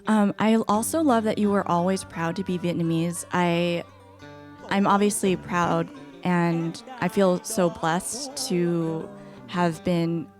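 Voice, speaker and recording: A young woman from the United States hosting a casual chat, telling stories in a playful, animated way. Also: fairly low pitch, slow pace, soft background music. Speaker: host.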